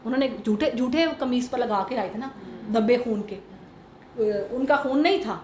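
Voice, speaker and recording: High-voiced woman teaching Quran commentary. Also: roomy sound. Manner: explains patiently, mixing in English terms and reciting Arabic verses; asks the class questions and waits for answers.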